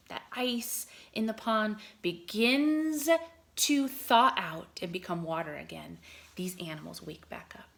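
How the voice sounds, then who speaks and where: With a mid-range voice, a kindergarten teacher reads poems aloud to her young pupils. She explains as she goes and asks her listeners questions expressively, making it a read-aloud lesson of recitation and explanation.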